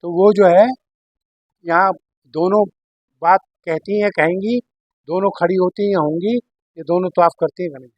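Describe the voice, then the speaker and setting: Man, high pitch, dry close sound; patient grammar teacher who repeats each form slowly. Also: no echo, dull audio. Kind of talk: Arabic grammar lesson.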